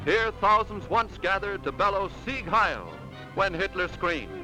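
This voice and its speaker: Man giving high-pitched 1940s newsreel narration. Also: animated, unhurried, sharp tone, poor audio. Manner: dramatic, emphatic announcer delivery. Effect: old 1940s newsreel narration. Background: music score.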